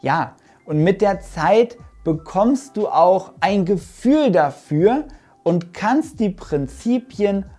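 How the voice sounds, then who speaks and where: A woman teaching German pronunciation in an online lesson, modeling words slowly and clearly, syllable by syllable. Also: mid-range voice, expressive, dark tone, soft background music.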